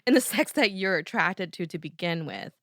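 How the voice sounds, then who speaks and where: Woman podcast co-host, East Coast American accent, sharp bright tone, dry close sound, chatty and easygoing. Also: fairly low pitch, lively intonation, normal speed, no room sound. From New Jersey. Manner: chatty, restarts often, laughs easily. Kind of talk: casual chat.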